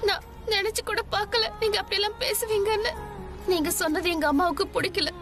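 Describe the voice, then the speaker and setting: A woman's voice: a little high, normal speed, in a large hall, lightly acted. A young woman voicing an earnest, emotional daughter who speaks in a pleading, reproachful way in a dubbed TV serial. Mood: hurt. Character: young daughter, hurt and earnest, longing for a father. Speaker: dubbing actress. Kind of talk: Tamil TV serial dub. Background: serial background music.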